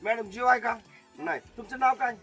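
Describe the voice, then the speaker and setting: A man performing a lively magic show for a crowd, joking with and coaxing the audience. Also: very high-pitched, fairly quick, loud music behind the voice. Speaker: stage magician.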